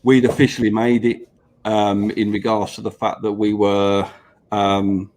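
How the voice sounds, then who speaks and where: With a fairly low, a little mellow voice and little pitch movement, this man speaks a bit slowly. He's a business owner on a podcast panel, chatting earnestly, cursing freely, and repeating points for emphasis while his braces slightly alter his speech.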